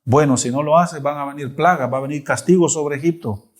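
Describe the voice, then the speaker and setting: A man's voice: a little high, brisk, close to an everyday voice. A man voicing Moses as a timid, hesitant prophet in a retold Bible story. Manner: hesitant, pleading.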